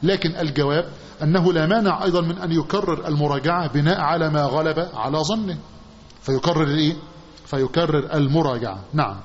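Egyptian male teacher, quick and a bit high, quizzes his class, dull lo-fi recording with faint hiss. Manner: asks the class questions, repeating phrases with a drawn-out "what?". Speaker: religious teacher. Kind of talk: hadith commentary lesson.

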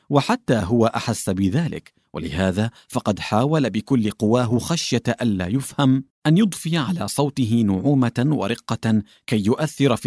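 A man narrates a literary story in a measured, formal manner. His pitch sits in the middle range, and the recording is dry and close with no room sound. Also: darkish tone, no room sound.

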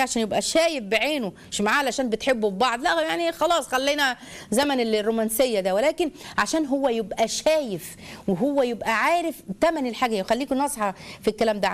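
Fast-talking Egyptian woman host. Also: high voice. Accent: Egyptian Arabic. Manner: direct, coaching, acts out little scenes. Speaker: host giving family advice to callers. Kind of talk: call-in advice show.

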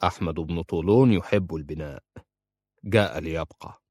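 A man's voice: very deep voice, normal speed, darkish tone, no echo, studio quality. A man voicing a young husband who is cold and hard-hearted, speaking curtly and sarcastically. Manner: sarcastic and curt.

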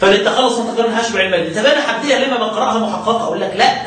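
A man with a fairly high voice and an Egyptian Arabic accent teaches as a sheikh of Quran recitation, slowly chanting lines of a poem and then explaining them in quick colloquial speech while quizzing his listeners. It's a religious lesson, recorded on a distant mic in a very echoey room, with a crowd audible far off in the background.

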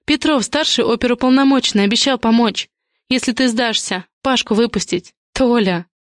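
A woman voicing an anxious middle-aged mother who pleads in a hurried, imploring way, in an audiobook. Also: on the high side, no echo, studio quality, pitched above the performer's own voice, lightly acted. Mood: pleading. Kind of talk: audiobook character reading.

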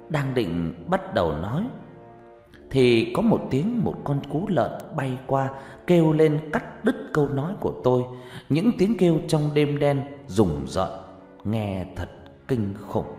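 A man narrating a horror story, shifting between hushed and shouting. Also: fairly low pitch. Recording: echoey room with faint music.

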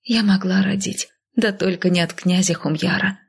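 A woman narrating a first-person fantasy audiobook in a measured, even storytelling manner. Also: fairly low pitch, creaky, slightly rough.

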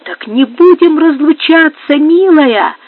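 A woman's voice: high-pitched, normal speed, no room sound, pitched above the performer's own voice. A woman reading the part of an impetuous young male lover, exclaiming and pleading. The sound is dry and narrow, like a phone line. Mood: impassioned.

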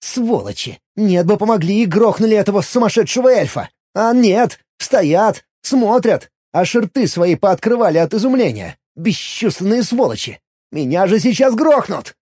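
A man's voice: sits high, big pitch swings, a little fast, warm tone, dry recording, clean studio sound, voice pushed up. A man voicing a pushy, cheeky young male gamer hero in an audiobook. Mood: indignant. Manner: insistent, cheeky. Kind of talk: audiobook character voice.

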